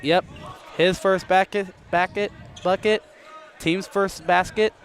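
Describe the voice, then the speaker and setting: A man's voice: sits high, fairly even intonation, takes it slowly, slight background noise. A man giving informal, conversational live play-by-play commentary on a local basketball game. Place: courtside in a school gym.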